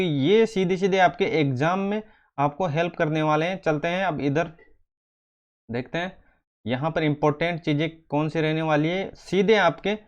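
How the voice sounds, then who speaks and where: A male teacher coaching students for an exam, his voice sitting a little high for a man. He drills each word by saying it over and over, turning to his students as friends. The sound is dull and lo-fi.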